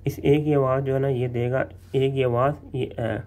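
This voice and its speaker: A man teaching letter sounds in a casual spoken lesson, repeating each sound slowly and often checking in with the listener. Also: mid-range voice, flat delivery, darkish tone. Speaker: language teacher.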